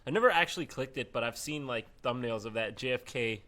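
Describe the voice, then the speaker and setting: A man co-hosting a casual podcast, joking and clearing a phlegmy, congested throat while recording in a small closet padded with old pants. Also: mid-range voice, fairly quick, pushed and bright. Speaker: podcast co-host. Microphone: podcast microphone.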